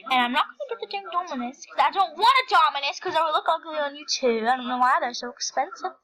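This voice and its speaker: High bright chatty young girl gamer. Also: expressive, quick pace, poor audio. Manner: chatty and giggly, rambling with fillers. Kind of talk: casual gameplay commentary.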